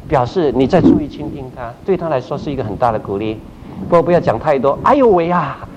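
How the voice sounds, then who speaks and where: Middle-aged male pastor, animated teacher who acts out his examples, muffled lo-fi audio with loud noise behind. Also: medium pitch, quick pace. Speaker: pastor teaching group leaders. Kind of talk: church training talk. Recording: dull recording with loud background noise.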